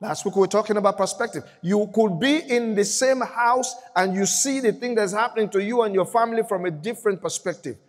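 A man's voice: high voice, a little fast, few pauses, in a large hall. A man pastor delivering an emphatic sermon in a church, repeating phrases for effect.

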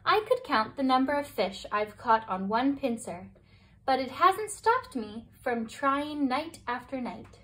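A woman voicing a wise, kindly old male crab in a storybook, gentle and encouraging. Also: sits high, expressive, unhurried.

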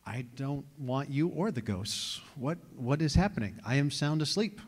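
A New York man in his forties preaches a sermon as lead pastor, telling wry, joking stories in a conversational way. His voice is fairly high with lively intonation at a normal speed, and a large hall gives it a long reverb.

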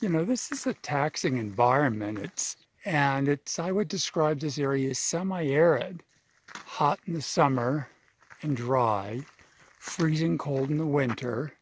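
A man's voice: on the high side, lively intonation, a little slow. A man narrating his hike outdoors, out of breath and thinking aloud as he walks. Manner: thinking aloud while hiking. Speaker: vlogger. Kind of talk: outdoor hiking vlog narration. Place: outdoors on a mountain trail.

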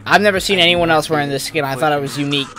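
A man's voice: fairly high pitch, racing, over music. A young man bantering casually with strangers in a VR game, slangy and comically indignant. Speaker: streamer playing social VR.

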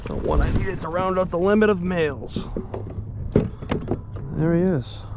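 A man filming his own kayak fishing trip, talking casually and softly coaxing the fish he handles, recorded on a kayak-mounted action camera out on open water. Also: high voice, measured pace. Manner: talks softly to the fish while handling them. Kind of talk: casual self-narrated fishing vlog. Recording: steady wind and water noise behind.

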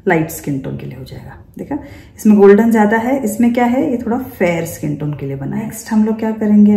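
A woman with a medium-pitched, dark-toned voice leads a makeup class in an echoey room. She demonstrates and explains each step, often putting rhetorical questions to her students.

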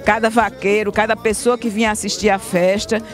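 A woman's voice: medium pitch, little pitch movement, fairly quick. Northeastern Brazilian woman giving informal thanks. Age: middle-aged. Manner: frequent tag questions seeking agreement. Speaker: family member of the event organisers giving thanks. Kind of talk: informal speech of thanks to a group. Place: outdoors, standing before a group. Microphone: handheld microphone. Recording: outdoor report with faint music bed.

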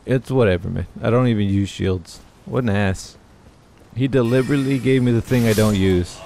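A man's voice: fairly low pitch, moderate pace, vocal fry, warm tone, slight background noise. A young man giving casual, profane commentary while playing a video game, talking back to the enemies on screen. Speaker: gaming YouTuber. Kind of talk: casual let's play commentary. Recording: game music behind voice.

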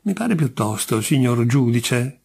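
A man's voice: mid-range voice, very animated, unhurried, gravelly, darkish tone, breathy edge, heavily acted. A man doing a bitter, menacing jinx. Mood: insistent. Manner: indignant, menacing, insistent. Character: bitter middle-aged man branded a jinx.

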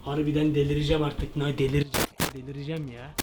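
A young man in a comedic parody vlog, talking in an excitable, slangy way with jumpy asides. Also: fairly high pitch, quick pace, heavy background noise. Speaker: comedy vlogger.

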